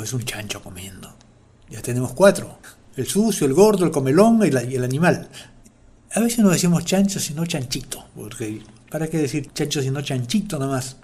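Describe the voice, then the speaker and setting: A man's voice: medium pitch, a little mellow, slightly rough. A man with a Peruvian Spanish accent hosting a language segment and explaining words in a playful way. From Peru. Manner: playful, acts out everyday quotes. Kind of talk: explanatory talk.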